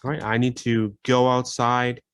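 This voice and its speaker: A man teaching a casual English vocabulary lesson, repeating phrases and filling pauses with "you know". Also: medium pitch, flat delivery, smooth, dry recording.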